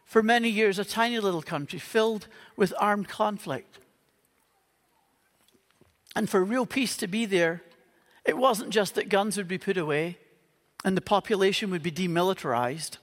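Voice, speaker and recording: He's a man from Northern Ireland, a pastor with a local accent, giving a Christmas Eve sermon that is earnest yet dotted with humorous, playful asides. The voice is high and a bit bright, at a moderate pace with long pauses, and the church auditorium lends it a big-room sound.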